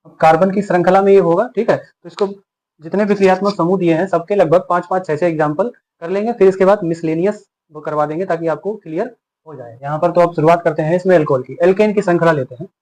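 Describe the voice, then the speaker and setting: A man's voice: high voice, quick pace, darkish tone, rough recording. A man teaching a chemistry lesson. He explains patiently, asking questions and answering them himself. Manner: patient, asks and answers his own questions.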